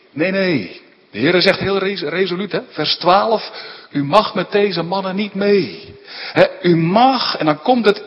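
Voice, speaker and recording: A man preaching a sermon, explaining scripture in an emphatic, animated way with frequent rhetorical asides. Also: high-pitched. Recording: dull sound in a large reverberant hall.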